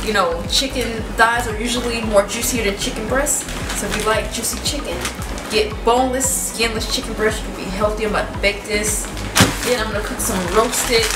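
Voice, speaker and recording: This young woman, in her twenties, has a voice on the high side and a moderate pace as she chats through a kitchen cooking demonstration. She's relaxed and talkative, leaning on "you know" and "y'all." The sound comes from a camera mic across the kitchen, roomy and distant, with loud music under it.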